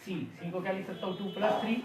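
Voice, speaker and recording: A high-pitched male math teacher, walking students through a proof step by step. He keeps checking "is it clear?" as he goes. He is recorded from a distance in a bare, echoing room with steady noise behind him. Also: rapid-fire. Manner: calls students "बेटे", asks "Is it clear?" often. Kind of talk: classroom math lesson, mixing Hindi and English. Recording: echoey room, distant mic, noisy.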